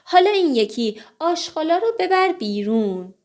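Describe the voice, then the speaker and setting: A woman whose first language is Persian, teaching English phrases, saying each one slowly and explaining the rest briskly. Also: high voice, very animated, a little mellow. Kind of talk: language lesson.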